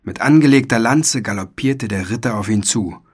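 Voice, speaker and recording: A man narrating a children's storybook in an expressive, dramatic way. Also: mid-range voice, normal speed, husky. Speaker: audiobook narrator.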